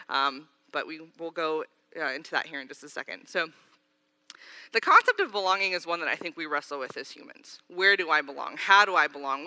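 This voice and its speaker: A woman's voice: on the low side, sharp tone. A woman preaching a sermon in a church, talking in a casual, chatty way with little asides. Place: church sanctuary. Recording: long reverb from a large hall.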